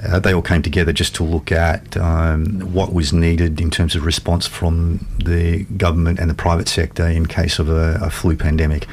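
Male co-host: deep, flat intonation, measured conversational explaining, faint rumble behind. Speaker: radio show co-host. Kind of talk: conversational current-affairs discussion.

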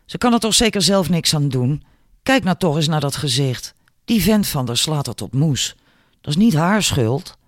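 A brash, sharp-tongued laundry woman, put on by a man lifts her voice into a sassy, taunting lilt. She needles with cheek and confidence. The sound is dry and close. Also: fairly high pitch, animated, moderate pace, dry recording, natural voice. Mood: indignant. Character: sharp-tongued cocky female laundry worker.

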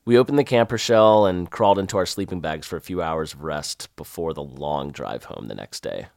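A man with a Southern accent narrating his own adventure in a wry, lively first-person storytelling manner. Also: a bass voice, brisk, creaky, no echo, clean studio sound.

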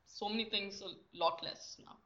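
Candid young woman, bright voice. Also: mid-range voice, steady tone, normal speed. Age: young adult. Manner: candid, self-deprecating, many fillers and restarts. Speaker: guest. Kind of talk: casual podcast chat. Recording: slightly muffled lo-fi recording.

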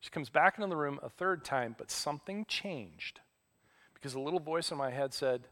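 A middle-aged man preaching as a pastor, telling stories in a relaxed, self-deprecating way. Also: on the high side, moderate pace. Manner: conversational, self-deprecating storytelling. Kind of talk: sermon.

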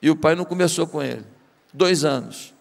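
Preaching in a large hall, this Brazilian Portuguese-accented pastor dramatizes a story and throws rhetorical questions at his congregation. He talks briskly in a slightly high, creaky voice.

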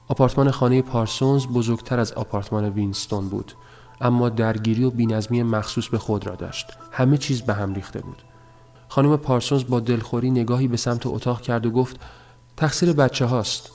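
Man narrating an audiobook, measured and even. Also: medium pitch.

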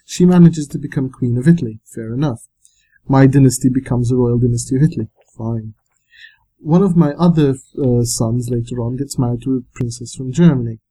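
Man on a podcast, mellow voice, deadpan clipped delivery. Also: medium pitch, a little fast, slightly rough, low-quality recording. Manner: dry, clipped storytelling. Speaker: podcast co-host. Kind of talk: casual podcast chat, storytelling.

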